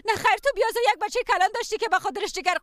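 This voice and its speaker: A woman's voice: a bit bright, a little hiss or hum. An actress with a Tajik accent playing a distraught young wife who curses and accuses her husband. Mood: hurt. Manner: tearful, cursing, high-strung.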